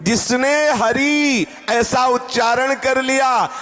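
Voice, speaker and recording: Slow high-voiced man giving a devotional sermon. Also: a bit bright, faint music behind. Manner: slow measured preaching with chanted verses. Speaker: spiritual teacher. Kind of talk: devotional discourse. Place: ashram hall.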